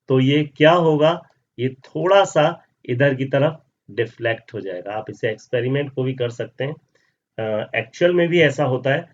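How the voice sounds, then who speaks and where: A male science teacher explaining a lesson, often asking questions and answering them himself and calling students "beta". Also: mid-range voice. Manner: mixes Hindi with English terms. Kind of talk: classroom lesson explaining over slides. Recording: slightly dull audio.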